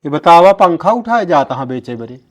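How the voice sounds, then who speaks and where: A man's voice: fairly high pitch, sing-song, moderate pace, faint music behind. A man playing an exasperated village family man in a comedy sketch, scolding emphatically with an Awadhi accent.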